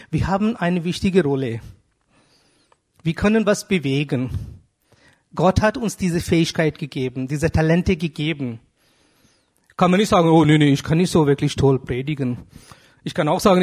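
A man preaching a sermon in German with earnest, halting delivery, searching for words and asking his listeners direct questions. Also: sits high, a little mellow. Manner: asks the congregation direct questions.

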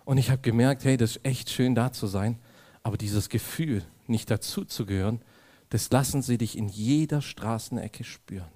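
A man's voice: medium pitch, normal speed. A man preaching a sermon, telling a personal anecdote to his audience and acting out the dialogue in it. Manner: animated storytelling, acts out dialogue; addresses audience directly.

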